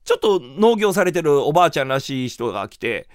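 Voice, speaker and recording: A man who is a rakugo performer hosting a radio show, telling comic stories in a lively way. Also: fairly high pitch, fairly quick, no room sound, clean studio sound. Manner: lively, animated, acts out quotes. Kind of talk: comic storytelling talk.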